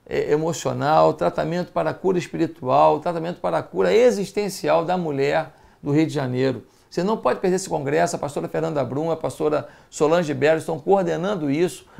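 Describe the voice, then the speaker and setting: Man, Brazilian accent, pastor, broadcast sermon, emphatic, fatherly, very gravelly voice. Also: fairly high pitch, a little mellow. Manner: earnest, emphatic, repeats words for stress; fatherly exhortation.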